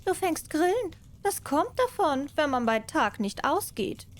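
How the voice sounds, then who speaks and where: A woman's voice: sits high, sing-song, measured pace, voice pushed up. A woman voicing a sly, greedy female cat in a fairy tale, with a curt, brazen manner. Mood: dismissive.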